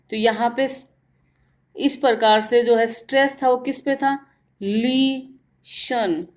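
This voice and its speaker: A woman teaching grammar in Hindi, explaining step by step and repeating words slowly to show their stress. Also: on the high side. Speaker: English teacher. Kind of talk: grammar lesson in Hindi with English terms.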